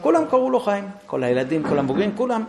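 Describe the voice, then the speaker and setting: A man's voice: high voice, creaky, a crowd in the background. A man giving an informal parenting talk to a group, telling stories and acting out dialogues between parent and child. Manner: animated storytelling, acting out dialogues. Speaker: parenting lecturer.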